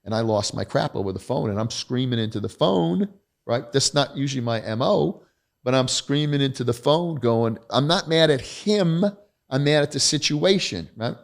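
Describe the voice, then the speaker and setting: Middle-aged male guest, gravelly voice, candid, emphatic storyteller. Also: mid-range voice, normal speed. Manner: emphatic, blunt, self-deprecating. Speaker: podcast guest, retired federal agent.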